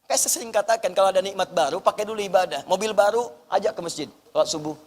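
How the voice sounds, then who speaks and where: A man preaching an Islamic sermon to a live audience, animated and repeating short punchy phrases for emphasis. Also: sits high, fast talker, in a large hall. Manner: animated, acts out everyday scenes and quoted voices.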